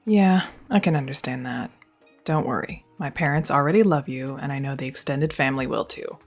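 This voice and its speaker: A young woman's rumbling low voice moves a little fast over soft background music. Speaking close to the mic, she acts out a scripted girlfriend roleplay that's affectionate, teasing and reassuring.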